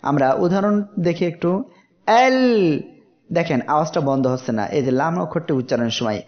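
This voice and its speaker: A man teaching Quranic pronunciation in a slow, explanatory way, drawing out letter sounds as examples. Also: on the high side, muffled recording. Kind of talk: tajweed lesson.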